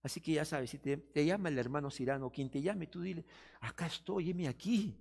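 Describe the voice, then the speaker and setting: A man's voice: fairly high pitch, fast talker, vocal fry. Man, pastor, sermon, acts out quoted asides, echoey hall. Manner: animated preaching, mimics doubters and busy churchgoers in quoted asides. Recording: long reverb of a church hall.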